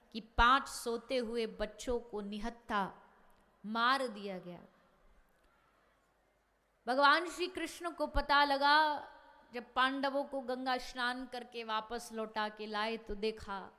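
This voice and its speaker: A woman's voice: on the high side, pushed and bright. A woman scripture storyteller giving a devotional sermon, telling the stories in a dramatic, emphatic way. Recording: reverberant hall, faint music behind.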